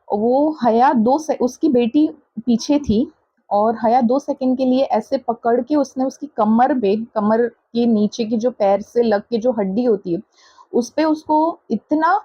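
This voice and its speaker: Indignant husky-voiced woman vlogger. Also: on the high side, warm tone, no echo, lo-fi sound. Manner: indignant, recounting an incident with quoted dialogue. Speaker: vlogger, mother. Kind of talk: casual storytelling to camera.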